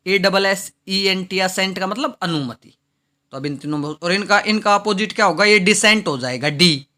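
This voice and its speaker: Bright-voiced male teacher, Indian English. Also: high-pitched. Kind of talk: classroom lesson explaining vocabulary.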